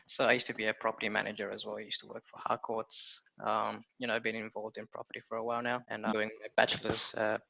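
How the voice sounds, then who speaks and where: Young guy from ethiopia, gravelly low voice, flat, lots of you knows, dull lo-fi sound. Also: quick pace, few pauses. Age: 20s. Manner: relaxed, many fillers like "you know" and "um". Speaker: guest, property research analyst. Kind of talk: casual interview chat. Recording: dull lo-fi audio.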